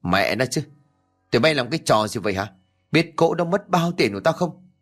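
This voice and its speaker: A man voicing a gruff, scheming old male coffin maker who scolds and barks orders. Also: lowish voice, moderate pace, lightly acted. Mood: angry.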